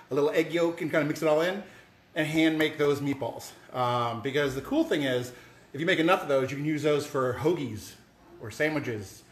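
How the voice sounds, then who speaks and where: A man's voice: on the high side, slight background noise. A man hosting a home cooking show, chatting casually to the camera with lots of fillers and restarts, in a home kitchen. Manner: rambling, many fillers and restarts. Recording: echoey room.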